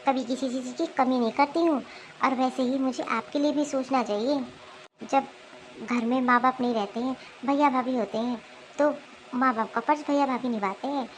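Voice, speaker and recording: A woman voicing a remorseful, kind middle-aged mother-in-law in an animated cartoon, speaking earnestly. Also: high voice, normal speed, slight background noise, natural voice, low-quality recording.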